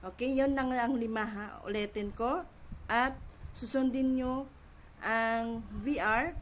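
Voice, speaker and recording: Slow, patient woman teaching letter sounds. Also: fairly high pitch, fairly even intonation, slight background noise. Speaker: Arabic alphabet teacher. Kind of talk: pronunciation lesson.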